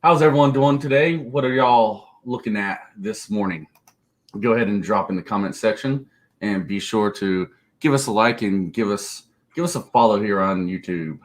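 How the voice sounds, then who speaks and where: A man's voice: lowish voice, normal speed. A man co-hosting a live stock market show, casual and jokey, laughing easily and speaking bluntly with some swearing. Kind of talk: casual livestream market chat.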